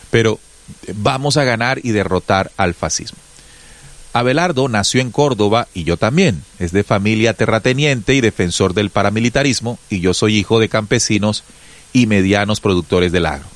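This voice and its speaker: A man's voice: lowish voice, no echo. A man with a Colombian Caribbean coast accent giving emphatic, indignant political commentary straight to his viewers. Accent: Colombian costeño. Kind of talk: casual political commentary to camera.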